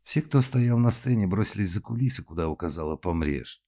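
A man narrating a detective audiobook with a very low, deep voice. His reading is lively and dramatic, pressing forward through the action. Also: fairly quick. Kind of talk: scripted narration.

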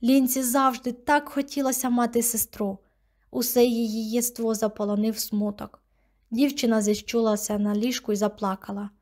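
Woman reading an audiobook in a steady voice. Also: a little high, moderate pace. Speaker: audiobook narrator. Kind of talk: scripted narration.

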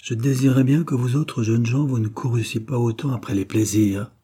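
A man's voice: medium pitch, fairly even intonation, moderate pace, warm tone, slightly rough, pitched above the performer's own voice, natural voice. A man reading aloud voices a stern middle-aged father who reproaches his sons. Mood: reproachful. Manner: reproachful, dry.

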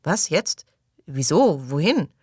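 A woman's voice: low voice, sing-song, slow, darkish tone, slightly rough, dry recording, clean studio sound, full character voice. Woman reading a flustered, awkward man. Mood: puzzled. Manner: hesitant, bewildered. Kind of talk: audiobook reading.

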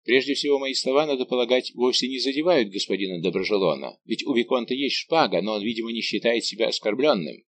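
A man voicing a scheming young nobleman who taunts and quickly flares into anger. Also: medium pitch, animated, natural voice. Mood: defiant. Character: scheming young nobleman, mocking and hot-tempered.

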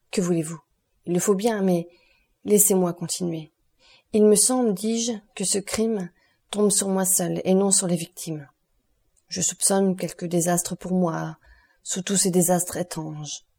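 A woman's voice: on the low side, fairly even intonation, unhurried, long pauses, dark tone, breathy edge. Woman reading as an anguished pleading magistrate. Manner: pleading, faltering.

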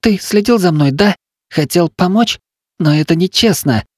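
A man's voice: high voice, lively intonation, normal speed, no room sound, studio quality, pitched above the performer's own voice. A man voicing a proud, hot-headed teenage son of a chief, crying and whining indignantly. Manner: whiny, indignant, shouting.

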